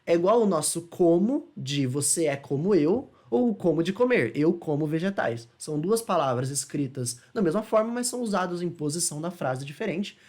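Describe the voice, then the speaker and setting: A man with a Brazilian Portuguese accent teaching an English lesson in a casual, explanatory way, often pausing with checking questions. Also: a little high, expressive, a little mellow. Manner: chatty, asks checking questions, slows to demonstrate English phrases.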